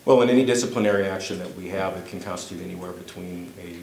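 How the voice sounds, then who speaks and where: A man answering press questions as a police spokesman, hesitant and measured. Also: sits low, a little mellow. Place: press conference room. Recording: echoey room with clear background noise.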